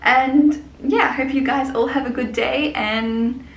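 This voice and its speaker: A woman's voice: high voice, fairly even intonation, a little slow. Chatty young woman in an echoey room. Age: 20s. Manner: chatty and rambling. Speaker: hairdresser and salon owner. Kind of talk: casual vlog chat. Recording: echoey room with faint hiss.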